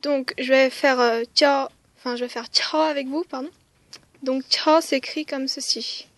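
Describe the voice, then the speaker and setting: A woman's voice: high voice, little pitch movement, unhurried, dry recording. A woman teaching a writing lesson step by step, with frequent "euh" hesitations and counting strokes aloud. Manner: counts strokes aloud, softly whispering some counts. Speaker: language teacher.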